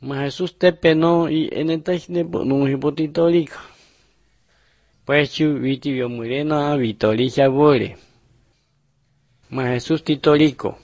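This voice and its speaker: A man narrating numbered Bible picture lessons in a steady, measured reading style. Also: on the high side, dry recording, highs cut off. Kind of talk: scripted religious narration.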